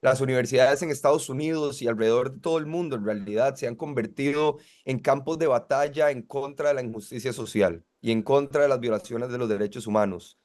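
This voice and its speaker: Young man, measured and articulate. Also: medium pitch, a little mellow. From Costa Rica. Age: 20s. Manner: articulate, measured, argues point by point. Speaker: guest, student activist. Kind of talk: interview answers.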